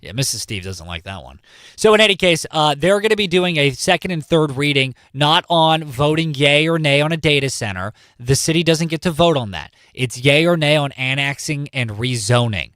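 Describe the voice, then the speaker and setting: A Californian man hosting a morning radio news show chats and jokes through local stories, often repeating himself to explain. His voice is a little high, animated and fairly bright at normal speed, recorded on a studio mic with no room sound.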